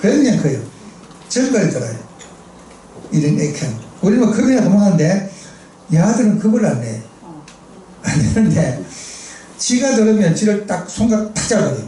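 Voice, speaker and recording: A man's voice: sits high, sing-song, normal speed, long pauses, mellow, a little hiss or hum. A middle-aged man with a Gyeongsang accent preaching a sermon in a church, telling funny stories and prompting the congregation for replies. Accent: Gyeongsang dialect Korean. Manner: chatty, storytelling, asks the congregation for responses. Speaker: missionary preacher. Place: church sanctuary. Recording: echoey church hall, distant mic.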